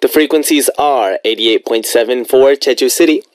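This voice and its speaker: A man's voice: medium pitch, moderate pace, no echo. A young man in his twenties hosting a radio show from a studio, upbeat and joking. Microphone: studio boom mic.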